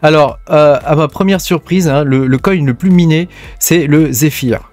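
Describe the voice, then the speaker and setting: A man's voice: a little high, moderate pace, darkish tone, no echo, soft background music. Chatty French man, hesitant delivery. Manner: chatty, hesitant, frequent fillers. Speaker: crypto mining channel host. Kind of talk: casual news commentary.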